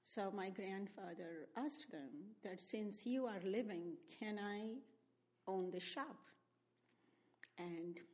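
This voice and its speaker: Older Indian-accented woman, slow and measured. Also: medium pitch, a little mellow. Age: 70s. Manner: reflective, spells out names letter by letter. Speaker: oral history interviewee. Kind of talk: oral history interview. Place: public library room.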